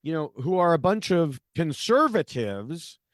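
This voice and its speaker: Sarcastic man with a lively voice. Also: a little high, measured pace, no echo, clean studio sound. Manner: sarcastic, exasperated, many fillers. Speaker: podcast co-host. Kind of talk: casual political chat.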